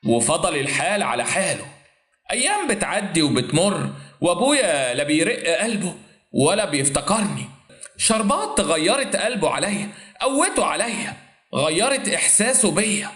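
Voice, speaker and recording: Egyptian male narrator, high voice with a lively, swooping delivery, for a dramatic audio story; echoey room. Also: normal speed. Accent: Egyptian Arabic. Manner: emotional, repetitive dramatic narration.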